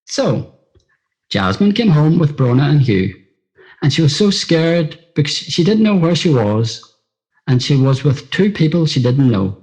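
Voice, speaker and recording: Reading a personal story he wrote himself, this middle-aged Northern Irish man keeps his delivery simple and plain. His voice runs a little high with big pitch swings and a darkish tone, unhurried, on a low-quality recording.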